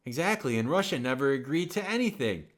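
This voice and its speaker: A man's voice: mid-range voice, big pitch swings, quick pace. A man hosting a comedy show, bantering wryly with a sidekick and cutting to breaks.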